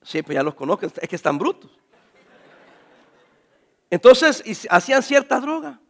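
A pastor preaching a sermon, animated, calling his listeners brothers and acting out the voices of people in his stories. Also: very high-pitched, moderate pace, vocal fry. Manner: acts out quoted voices.

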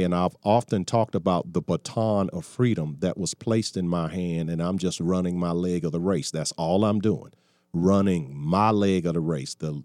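A man's voice: deep voice, dark tone, dry recording, studio quality. A man in his sixties hosting a call-in talk radio show, folksy and preachy, often restarting his sentences. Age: 60s.

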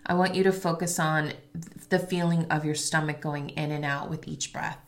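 Her voice sits low with fairly even intonation and a moderate pace, and a little hiss or hum runs under the recording. Still a bit congested after being ill, this meditation guide hosts her podcast off the cuff, leading breathing exercises and chatting casually about herself.

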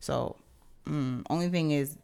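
Low-voiced woman stalling for time. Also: measured pace, gravelly, mellow, smooth. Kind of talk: casual chat about zodiac signs and friends.

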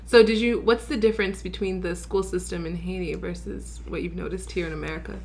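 A woman hosting a casual interview and asking questions, friendly and quick to react. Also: lowish voice, fairly even intonation, gravelly, a little mellow, slight background noise.

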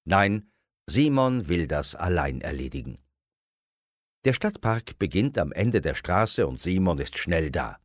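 A man reading a children's story aloud in an expressive storyteller style. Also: sits low, unhurried, no room sound, clean studio sound. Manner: expressive, acts out voices.

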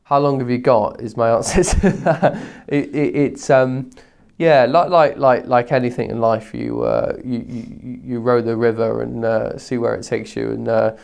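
Guy getting interviewed, lots of vocal fry, pretty even tone, keeps restarting and repeating words. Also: mid-range voice, measured pace, hardly any pauses. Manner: hesitant, repeats words in searching bursts. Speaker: interview guest. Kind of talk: conversational interview answers.

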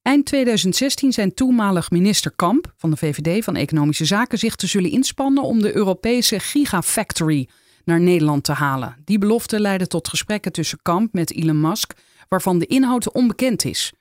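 A podcast host who reads excerpts from an article in an even, measured way and asks the guest questions. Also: medium pitch, no echo, clean studio sound.

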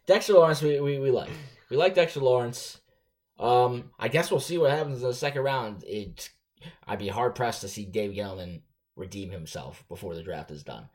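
Guy rambling and joking on a podcast, regular pitch. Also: moderate pace, darkish tone. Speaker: podcast co-host. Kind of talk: casual chat.

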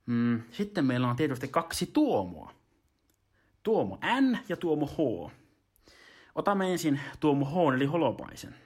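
A man hosting a casual comedic monologue in a relaxed, rambling way. He often stops and restarts his sentences as he goes. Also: mid-range voice, husky. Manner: rambling, stop-start talk. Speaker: host.

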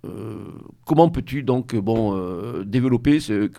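A man's voice: medium pitch, expressive, unhurried, gravelly, mellow. A man hosting a radio interview, introducing his guest with a hesitant delivery full of fillers and restarts. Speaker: radio show host.

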